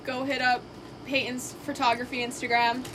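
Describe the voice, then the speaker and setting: A woman's voice: sits high, level tone, normal speed, a crowd in the background. A woman co-hosting a casual home podcast, chatty and often echoing or finishing the others' sentences. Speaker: podcast co-host. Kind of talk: casual chat. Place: home, indoors.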